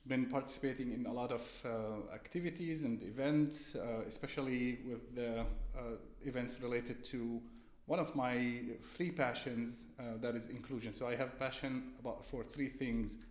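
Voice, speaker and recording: A man's voice: medium pitch, steady tone, moderate pace, a little mellow. Polite man, roomy sound. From Syria. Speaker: podcast guest. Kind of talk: conversational interview. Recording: roomy echo.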